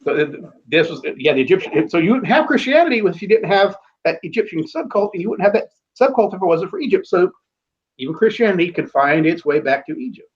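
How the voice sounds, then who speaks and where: Man, guest on a talk show, rambling and blunt, higher-pitched, on dull lo-fi audio. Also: sing-song, fast. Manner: rambling, many restarts and fillers; blunt, with casual swearing. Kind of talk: casual conversation.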